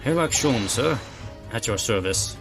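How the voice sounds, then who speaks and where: Man doing theatrical gentleman detective Herlock Sholmes. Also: mid-range voice, animated, a little slow, over music. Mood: grandly courteous. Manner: florid, formal, self-assured. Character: eccentric, theatrical gentleman detective, grandly courteous.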